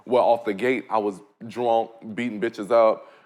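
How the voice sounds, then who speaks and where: A man in his late twenties talks bluntly in a casual podcast conversation. He is animated and throws in jokes as he goes. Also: fairly low pitch, a little slow. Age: 20s. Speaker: podcast guest. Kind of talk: casual chat.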